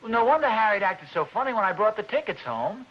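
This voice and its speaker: A man's voice: sits high, sing-song, fast. A man playing a fretful middle-aged husband and father in a 1950s radio sitcom, talking in an earnest, flustered way. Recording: dull lo-fi old radio broadcast.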